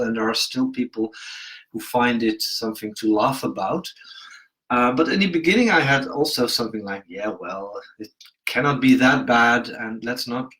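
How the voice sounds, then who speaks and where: A mid-pitched man with a Dutch accent chats on a livestream from a room at home. He speaks calmly and reflectively and stops often to find his words. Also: poor audio. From Brabant, Netherlands. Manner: calm, reflective, hesitant fillers. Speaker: coaching show host. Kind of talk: casual livestream chat.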